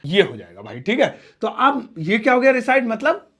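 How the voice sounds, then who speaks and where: A man's voice: extremely high pitch, huge pitch swings, normal speed, pushed and bright. A young man teaching simple English in an explanatory lesson, repeating key words and acting out everyday examples. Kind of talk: spoken English lesson in Hindi.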